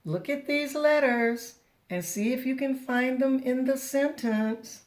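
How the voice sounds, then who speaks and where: This preschool teacher's high-pitched voice has a darkish tone, and she takes her time. Encouraging and patient, she guides young children through a lesson step by step, posing questions and answering them.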